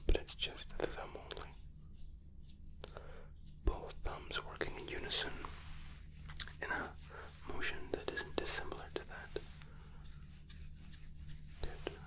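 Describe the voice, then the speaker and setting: A man whispers his way through an ASMR spa roleplay as a therapist, keeping things gentle, calming and softly reassuring. The audio quality is poor.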